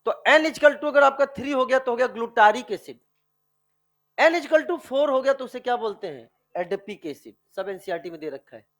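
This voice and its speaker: A man's voice: very high-pitched, expressive, moderate pace, a bit bright. A male chemistry teacher lecturing a class, quizzing students with repeated questions and stretching out key words, addressing them affectionately as dear children.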